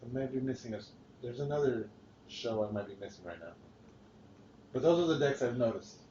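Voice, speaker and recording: A man's voice: mid-range voice, lively intonation, brisk, dark tone, a little hiss or hum. A man hosting a casual podcast chat, rambling and swearing freely with frequent restarts. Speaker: podcast host. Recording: roomy, dull lo-fi podcast recording.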